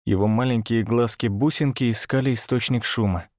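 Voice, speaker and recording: A man narrating an adventure audiobook in the first person, with expressive storytelling. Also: mid-range voice, fairly quick, no echo, clean studio sound.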